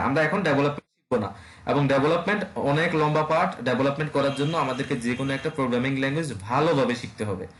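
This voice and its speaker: Fast-talking man teaching web design. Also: medium pitch, roomy sound, a little hiss or hum. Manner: casual, rapid, full of fillers and checks on students. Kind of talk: online class lecture.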